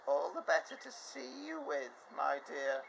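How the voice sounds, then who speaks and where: A big bad wolf disguised as Grandma, squeaking in a high, falsely sweet old-lady voice, as a man reading a storybook puts it on. The pitch leaps far above his normal voice. Faint birdsong drifts behind him outdoors. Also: very animated, measured pace, vocal fry, a bit bright, slight background noise, heavily acted. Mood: sweetly fake.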